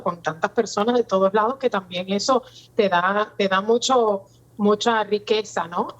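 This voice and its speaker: A woman from Santiago de Cuba with an eastern Cuban Spanish accent, a guest speaking earnestly and reflectively in a relaxed interview. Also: mid-range voice. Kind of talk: casual interview chat. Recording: slightly dull, muffled sound.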